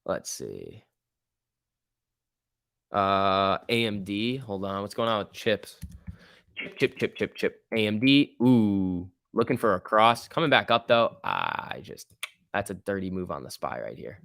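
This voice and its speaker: A man with a forceful, slightly low voice streams live stock trading in a dry, close sound. He talks casually and slangily, repeating words as he reacts to price moves and reads out chat. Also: sing-song, a little slow, vocal fry, no echo. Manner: informal slangy muttering to himself, repeats words. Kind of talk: casual live market commentary, reading out chat.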